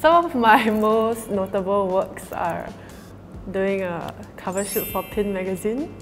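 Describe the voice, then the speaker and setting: A woman's voice: medium pitch, measured pace, long reverb tail, faint music behind. A woman in her twenties, a professional model, casually introducing herself as a mentor. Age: 20s. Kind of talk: self-introduction on camera.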